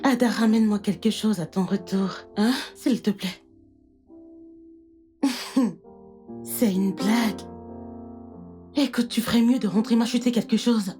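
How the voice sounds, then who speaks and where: A woman's voice: a little high, unhurried, pauses often, music in the background, close to an everyday voice. A woman voicing a playful young woman teasing her friend in a dubbed film drama.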